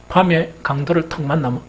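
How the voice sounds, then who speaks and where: A man's voice: fairly high pitch, a little hiss or hum, low-quality recording. A man with a Gyeongsang accent preaching a Sunday sermon as senior pastor, asking his congregation rhetorical questions and telling homely stories. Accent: Gyeongsang Korean. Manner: lively preaching with rhetorical questions and folksy storytelling. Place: church sanctuary.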